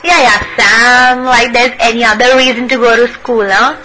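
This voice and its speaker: A woman's voice: fairly high pitch, fairly even intonation, normal speed, over a noisy crowd, low-quality recording. A young woman with a North Indian accent co-hosting a radio show in teasing, playful casual chat. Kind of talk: playful casual chat mixing Hindi and English.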